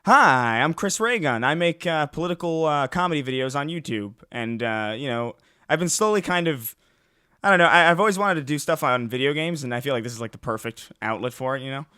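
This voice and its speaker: A man co-hosting a casual podcast, relaxed and agreeable, with hesitant fillers. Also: a little high, a little fast, clear, resonant tone, no echo, studio quality. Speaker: podcast co-host.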